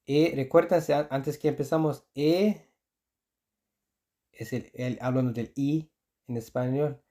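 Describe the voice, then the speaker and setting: A man's voice: mid-range voice, steady tone, normal speed, warm tone. A man whose first language is Icelandic, teaching Icelandic pronunciation in Spanish, repeating example words and restarting his sentences often. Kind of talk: explaining pronunciation to learners.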